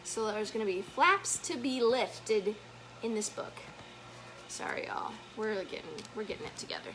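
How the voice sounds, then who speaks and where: A woman's voice: mid-range voice, expressive, moderate pace, fairly bright tone, slight background noise, poor audio. A woman leading a children's story time, upbeat and playful, guiding wiggles and breathing and laughing often. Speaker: story time family educator.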